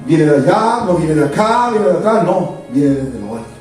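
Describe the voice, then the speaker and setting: In an echoey church sanctuary, a male pastor delivers a passionate sermon at a moderate pace, his slightly high voice full of lively intonation. He hammers home his points in repeated lists, captured by a distant mic with faint music behind him.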